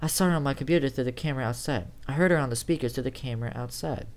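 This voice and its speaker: An amateur horror story reader, a man with a medium-pitched voice, reads a first-person horror tale aloud at a rapid-fire pace. His delivery is dramatic and theatrical, though he sometimes stumbles over words.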